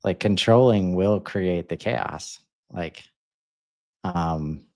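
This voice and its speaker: A man's voice: sits low, extremely slow, darkish tone. A man co-hosting a podcast, talking casually and hesitantly with many fillers. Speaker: podcast co-host.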